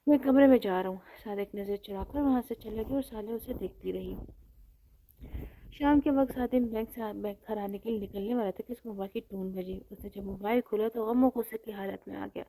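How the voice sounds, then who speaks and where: A woman narrating a romantic novel in steady scripted storytelling. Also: mid-range voice.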